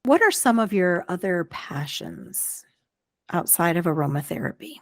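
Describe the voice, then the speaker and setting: A woman's voice: lowish voice, big pitch swings, moderate pace, no room sound. Female podcast host, dry close sound. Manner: friendly, encouraging questions. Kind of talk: casual interview chat.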